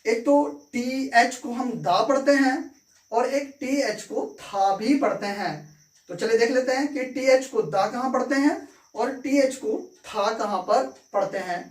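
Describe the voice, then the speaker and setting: Slow teacher woman, echoey room. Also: on the high side, far from the mic. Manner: slow, repeats words and meanings, checks with "ठीक है". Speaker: English teacher. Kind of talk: phonics lesson in Hindi.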